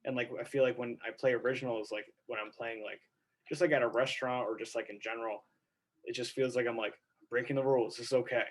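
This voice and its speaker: In a rough recording, a male musician rambles through a casual interview about his songs, his speech full of "like" and "you know." His mid-range voice moves fast with fairly even intonation.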